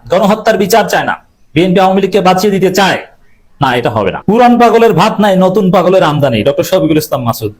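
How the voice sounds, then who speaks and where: A man delivering emphatic political commentary, repeating slogans and adding scornful asides with English phrases mixed in. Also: on the high side. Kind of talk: fast political commentary monologue.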